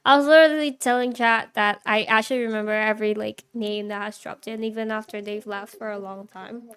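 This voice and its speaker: A woman's voice: medium pitch, steady tone, brisk, a bit bright, clean tone. A young woman streaming live, chatting casually with her viewers, reacting and laughing often while answering chat.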